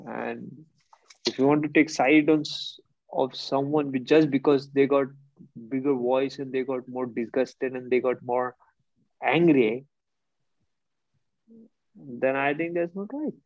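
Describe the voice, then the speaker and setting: A man's voice: mid-range voice, fairly even intonation, measured pace, vocal fry, pauses often, a little mellow, no echo. Blunt man telling a story, laughing. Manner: blunt, laughing, acts out both sides of an argument. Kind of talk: casual storytelling. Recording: dull lo-fi close recording.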